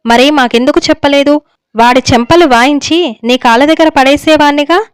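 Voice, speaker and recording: A woman's voice: sits high, moderate pace, no echo, natural voice. A woman reading the lines of a stern older village elder husband who lectures on righteousness. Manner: stern, moralizing, unbending. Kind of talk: story reading.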